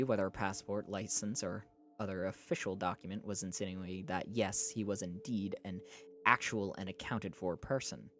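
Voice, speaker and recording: A streamer reading a novel aloud live, trading exasperated retorts with chat between passages and dropping lower and slower for the narration. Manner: argues back at chat in exasperated bursts.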